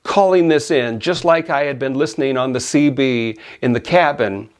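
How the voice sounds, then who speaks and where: A middle-aged man casually telling a personal story, animated and often laughing as he acts out his own yells. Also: mid-range voice, moderate pace.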